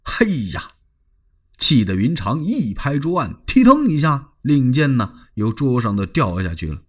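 A man's voice: medium pitch, sing-song, normal speed, husky. A man telling a traditional Chinese story in a dramatic, sweeping style, often turning aside to address the listeners.

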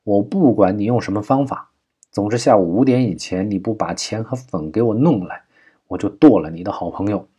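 A man's voice: deep voice, animated, normal speed, darkish tone, breathy edge. A man reading an audiobook voices a vicious male kidnapper who snarls crude threats over the phone. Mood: threatening.

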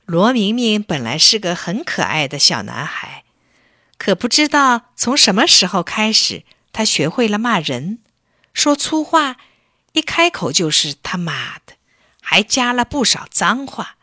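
Woman storyteller, children's story narration, very lively pitch, bright tone, dry close sound. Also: a little slow, no echo. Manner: expressive, animated reading.

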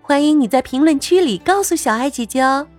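A woman narrating a scripted story for children as host, expressive and playful, speaking directly to young listeners. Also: sits high, a little fast, soft background music.

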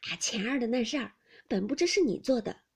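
A woman voicing a pampered young gentleman who tries to smooth things over softly. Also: fairly high pitch, expressive, fairly quick, full character voice. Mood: placating.

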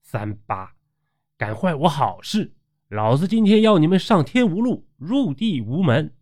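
A man's voice: a little high, sing-song, unhurried, a little mellow. A man voicing a snarling possessed girl demon. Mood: menacing. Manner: snarling threats. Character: possessed young woman, snarling soul-snatching demon.

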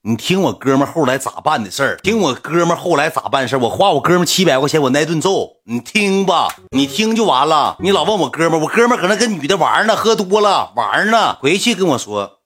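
A man telling a story casually, in animated slang that swings into loud retorts. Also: fairly high pitch, fast, hardly any pauses, breathy edge.

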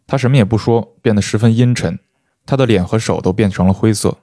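A man reading a short story aloud as host, in calm, even narration. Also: lowish voice, fairly quick, dry recording, clean studio sound. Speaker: host and reader.

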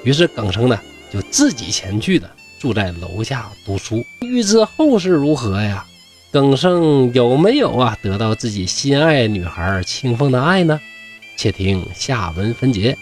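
Lively Northeastern Mandarin storyteller man. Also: mid-range voice, a little slow, faint music behind. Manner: folksy, joking asides, talks to listeners. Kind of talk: comic folk-tale storytelling.

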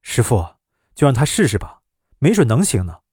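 An anxious woman doctor, as a male storyteller puts her on, pleading and urging with quick worried phrases. Her voice sits a touch higher than the narration, recorded dry and close. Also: sing-song, mellow, husky, no room sound. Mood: urgent. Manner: urgent, pleading.

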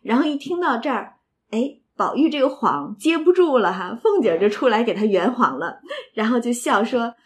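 A woman's voice: a little high, animated, moderate pace. A woman retelling and explaining a classic novel in a casual, chatty way, with asides and rhetorical questions. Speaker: literature storyteller and explainer.

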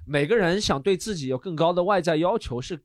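A man co-host jokes and moves the talk along in a lively, quick voice with a fairly high, swinging pitch. The sound is dry and close. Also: dry recording. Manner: playful, jokey, steers the topic. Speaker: podcast co-host. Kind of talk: casual chat.

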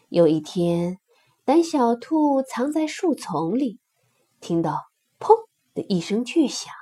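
A woman hosting a children's story session, narrating gently and expressively in a sing-song way. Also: a little high, slightly rough.

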